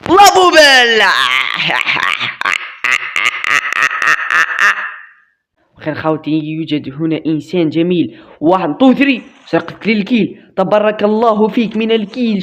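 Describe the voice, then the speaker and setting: A man with an Algerian accent giving excitable gameplay commentary, shouting and making gunfire noises with his mouth. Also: sits high, a little fast. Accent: Algerian Arabic. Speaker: gaming channel host.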